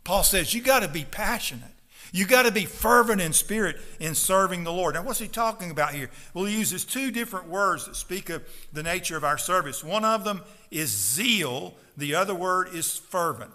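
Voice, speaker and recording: A man's voice: sits high, bright, forceful tone. A man preaching a sermon as pastor, emphatic, with repeated phrases and rhetorical questions.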